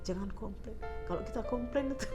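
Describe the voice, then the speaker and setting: A woman's voice: a little high, brisk, loud music behind the voice. Woman guest, heartfelt faith testimony, code-switches to English, laughs readily. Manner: mixes English phrases into Indonesian, laughs often. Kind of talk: emotional faith testimony in casual chat.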